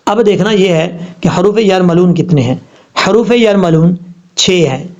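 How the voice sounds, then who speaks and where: A man with a Pakistani Urdu accent and a slightly high voice teaches Quran recitation. He explains each rule step by step, then recites the example words slowly and drawn out. The recording sounds dull and lo-fi. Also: darkish tone. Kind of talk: tajweed lesson.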